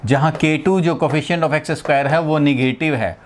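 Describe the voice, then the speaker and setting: Over slight background noise, an Indian man gives a classroom physics lecture at a moderate pace in a voice on the high side. He walks through each step, repeats important phrases, and checks that his students are following.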